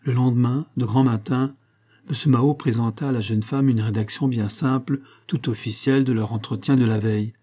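A man reading a novel aloud as narrator, with steady, measured delivery. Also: medium pitch. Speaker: audiobook reader.

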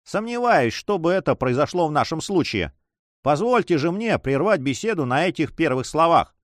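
Man doing a haughty, impatient nobleman, raised lively pitch, dry close sound, audiobook. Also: moderate pace, no room sound. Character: haughty, hurried male nobleman, a spy.

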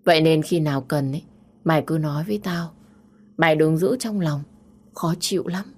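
A loyal young woman, voiced by a woman narrator consoles her friend in a low, coaxing voice. She speaks gently and keeps urging her to open up. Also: fairly even intonation, normal speed. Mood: comforting. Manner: warm, coaxing.

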